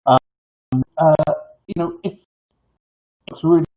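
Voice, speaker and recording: This gardening clinic host is a man with a husky, toothless, slightly high voice and mildly slurred articulation. Answering viewer questions live and informally, he rambles haltingly, restarting and repeating himself, in a recording with dull, lo-fi sound.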